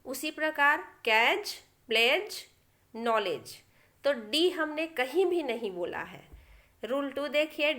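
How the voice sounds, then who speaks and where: A woman teacher with an Indian accent explains pronunciation rules to her students. Her voice sits high and her pace is slow and deliberate, and she spells out each rule with patient care. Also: a bit bright. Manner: slow, explanatory, addresses students as children, reads rules aloud very slowly. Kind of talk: English pronunciation lesson explained in Hindi.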